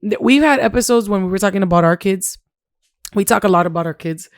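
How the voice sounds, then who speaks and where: A woman in her thirties co-hosting a podcast, talking in an animated, chatty way and slipping in Spanish phrases. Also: mid-range voice, fast talker, no echo, studio quality. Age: 30s. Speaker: podcast co-host. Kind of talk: casual chat.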